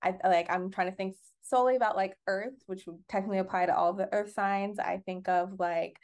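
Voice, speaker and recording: A young woman co-hosting a podcast explains things in an easy, casual, conversational way, thinking aloud with many filler words and restarts. Her medium-pitched voice has a darkish tone and fairly even intonation, and she speaks briskly.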